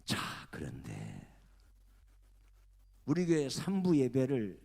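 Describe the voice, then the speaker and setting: An older man, a retired senior pastor, preaching a sermon with lively storytelling and acting out the people in his stories. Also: medium pitch, takes it slowly, vocal fry, slightly rough. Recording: long church-hall reverb.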